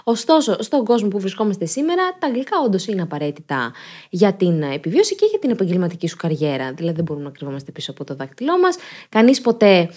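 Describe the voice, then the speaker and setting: A woman's voice: mid-range voice, big pitch swings, a little mellow, husky. A woman hosting a podcast in a casual, chatty way with joking, ironic asides. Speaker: podcast host. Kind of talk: casual chat.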